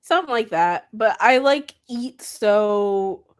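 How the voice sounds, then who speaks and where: A woman's voice: medium pitch, expressive, slow. A woman co-hosting a podcast, chatting casually with wry, offhand banter. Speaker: podcast co-host. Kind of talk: casual chat.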